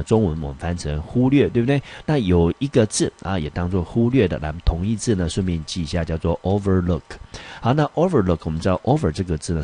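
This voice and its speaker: Deep-voiced male teacher explaining words. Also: mellow, husky. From Taiwan. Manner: slow, careful English readings with many fillers. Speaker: high school English teacher. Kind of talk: explaining vocabulary in a lesson.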